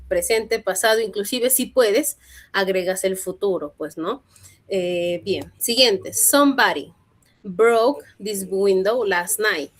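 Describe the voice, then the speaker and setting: A woman English teacher, patiently explaining grammar in a classroom lesson and often checking with short tag questions. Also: medium pitch.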